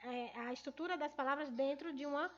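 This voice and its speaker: High-voiced teacher checking in often. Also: female voice, a little fast, lo-fi sound. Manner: explains patiently with frequent check-ins like "ok?" and "tá?". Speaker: Portuguese teacher. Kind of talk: video lesson to students.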